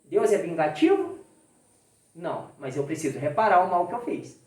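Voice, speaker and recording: A woman's voice: lowish voice, big pitch swings, normal speed, darkish tone, recorded from a distance. Brazilian woman preaching in an echoey hall. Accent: Brazilian Portuguese. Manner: rhetorical questions to the audience. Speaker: spiritist lecturer. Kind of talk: spiritist sermon. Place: spiritist center hall.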